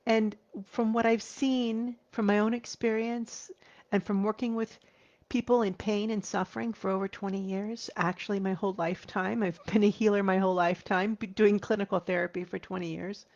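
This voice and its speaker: A woman in her forties, a grief therapist, speaking earnestly to viewers, slowing down and dropping to a soft whisper for emphasis. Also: mid-range voice, little pitch movement. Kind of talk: heartfelt talk to viewers. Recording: slightly dull lo-fi recording.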